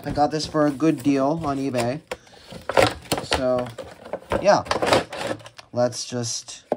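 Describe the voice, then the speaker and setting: Here a radio-unboxing vlogger talks slowly in a steady, mid-range voice. His commentary is casual and rambling, hesitant, and full of restarted sentences, captured in a noisy home recording with handling clicks.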